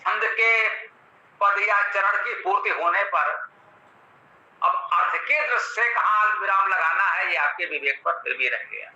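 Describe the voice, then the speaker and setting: Bright, high-voiced Hindi-accented scripture teacher. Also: male voice. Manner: measured, teacherly, repeats and glosses Sanskrit terms. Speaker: Vedic scholar explaining a mantra. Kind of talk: explanatory lecture on scripture. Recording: roomy, slightly dull recording.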